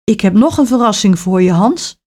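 Storybook girl role: a brave, clever young girl, gentle and earnest, read by a woman. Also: medium pitch, lively intonation, moderate pace, lightly acted.

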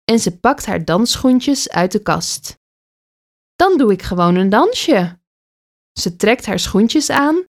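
Slow, expressive woman storyteller. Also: on the high side. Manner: slow, expressive read-aloud delivery. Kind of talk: reading a children's story aloud.

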